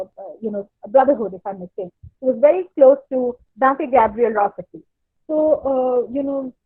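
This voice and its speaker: A woman's voice: high-pitched, husky, dry recording. A woman giving an online literature lecture, hesitant and full of fillers and restarts. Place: home, online workshop. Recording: dry, tinny phone-like audio.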